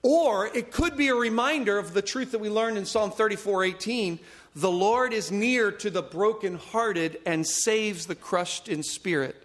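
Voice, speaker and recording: Male pastor, higher voice, emphatic repetitive sermon delivery. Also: a little slow, fairly bright tone. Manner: emphatic, repeats phrases for stress; self-aware humor about raising his voice.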